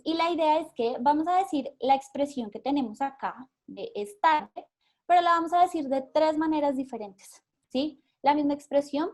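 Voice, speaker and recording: A woman with a Colombian accent runs a workshop over a video call, her voice sitting a little high. She explains patiently, circling back with fillers and repeated words as she searches for the right phrase. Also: darkish tone. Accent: Colombian Spanish. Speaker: workshop facilitator. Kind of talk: live online workshop.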